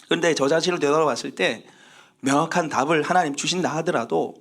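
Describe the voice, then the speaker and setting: A male pastor preaching a sermon in an animated storytelling manner. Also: a little high, fast talker. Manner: animated storytelling, acting out voices.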